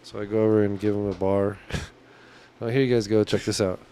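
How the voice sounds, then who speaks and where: A man's voice: on the low side, level tone, fairly quick, dark tone, clean tone. A man telling stories in casual banter, with a slangy, sweary frat-bro manner, acting out what people said.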